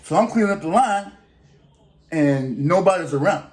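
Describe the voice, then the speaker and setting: A man tells a story in loose, everyday speech with a fairly high voice. He rambles, circles back and restarts sentences, keeping it casual. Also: expressive, moderate pace. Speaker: vlogger.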